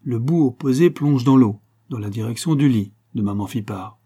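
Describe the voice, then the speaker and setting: A man voicing a cunning young crook who calmly lays out a plan, step by step, in a husky, dark voice. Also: mid-range voice, normal speed. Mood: calm, explaining. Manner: patient, explaining step by step. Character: cunning young male crook, calm schemer.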